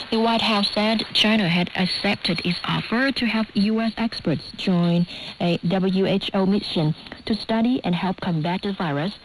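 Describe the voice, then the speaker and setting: Through the crackle of a shortwave broadcast, a woman with a fairly low pitch presents the news. She reads the formal bulletin crisply, as newsreaders do from a script.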